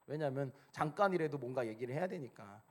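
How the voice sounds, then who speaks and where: A middle-aged man preaching a sermon as pastor, telling stories with sudden loud outbursts and hushed asides. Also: medium pitch, expressive, a little fast. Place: church sanctuary.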